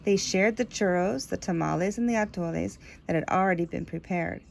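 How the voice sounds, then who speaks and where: This woman has a lowish, slightly fast voice with vocal fry. She reads a children's book aloud with expression, stretching key words for emphasis and dropping in casual asides.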